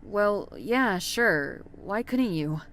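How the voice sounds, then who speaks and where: A woman's voice: medium pitch, expressive, drawn-out words, fairly bright tone, heavily acted. A woman playing a tired, guarded office worker in a video game, with casual, everyday delivery. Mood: startled, wary. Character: weary, guarded female office worker working late alone.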